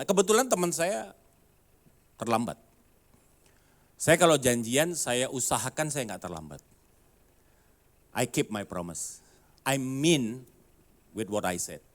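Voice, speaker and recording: A man's voice: medium pitch, fairly bright tone. A man, a pastor, preaching a sermon in a church, telling a personal story and acting out the dialogue, dropping in English phrases.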